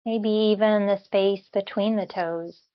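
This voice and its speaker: This is a woman who teaches meditation, delivering calm, unhurried guidance in the manner of a body scan. She talks very slowly in brief phrases separated by long pauses, keeping a steady tone at a medium pitch. The audio quality is a bit dull and lo-fi.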